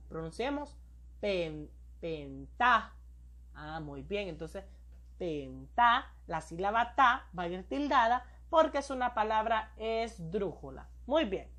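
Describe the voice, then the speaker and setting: A woman teaching a recorded grammar lesson, speaking slowly and clearly, putting questions to the viewer and answering them herself. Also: medium pitch.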